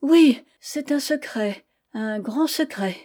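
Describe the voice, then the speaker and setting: A woman's voice: a little high, lively intonation, slow, warm tone. A woman reading aloud voices a flustered young wife guarding a secret, breathless, stammering and pleading. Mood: confiding.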